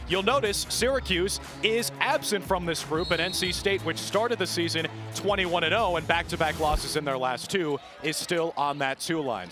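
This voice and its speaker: Amid noisy sports venue ambience, a young American man in his twenties handles live sports play-by-play and show openings. His high-pitched delivery is polished and energetic, in true announcer style.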